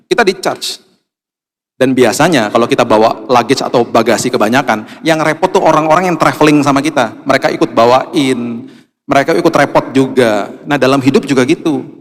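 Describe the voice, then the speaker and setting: A male pastor giving a lively, storytelling sermon in a casual, conversational way, acting out the dialogue. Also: medium pitch. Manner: lively, acts out dialogue, colloquial. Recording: long hall reverb.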